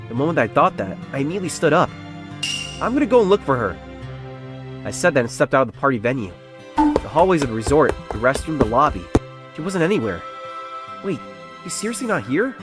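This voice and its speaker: Narrating as the lead of a romance comic dub, a man brings to life an earnest young salesman who doubts himself and comes across as a secret nerd. He speaks briskly and with big, expressive swings, sounding anxious and confiding, while music plays clearly behind him.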